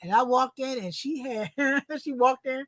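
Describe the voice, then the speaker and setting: A woman who writes and illustrates children's books, telling personal stories as an interview guest in an expressive, animated way. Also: high-pitched, measured pace, no room sound. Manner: expressive, animated storytelling with acted-out voices. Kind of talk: storytelling in an interview.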